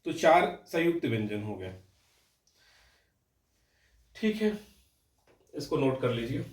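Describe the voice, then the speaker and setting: A man's voice: medium pitch, very animated, slow, roomy sound, recorded from a distance. A young man teaching a Hindi grammar lecture for exam aspirants, explaining patiently, repeating words and often checking in with his students.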